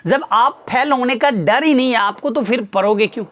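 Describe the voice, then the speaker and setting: A man's voice: very high voice, normal speed, fairly bright tone. A man, a teacher, earnestly lecturing his students with pointed rhetorical questions. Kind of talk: motivational talk to students.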